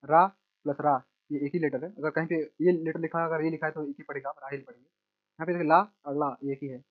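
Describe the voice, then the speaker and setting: A man teaching children to read, sounding out each word slowly and repeating it, then adding quick explanations in between. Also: on the high side, steady tone. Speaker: language teacher. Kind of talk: slow word-by-word reading lesson. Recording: tinny phone-like audio.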